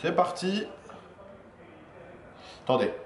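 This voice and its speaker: A man's voice: sits high, big pitch swings, slow. A man hosting a casual cooking demonstration, chatty and joking as he talks straight to the viewers, with a pan sizzling. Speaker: cooking video host. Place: home kitchen. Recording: roomy kitchen with frying noise.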